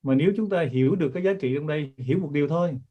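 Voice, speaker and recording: A man's voice: fairly high pitch, racing, highs cut off. Man, author and teacher, earnest, repetitive, addressing an audience. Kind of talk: talk to an audience.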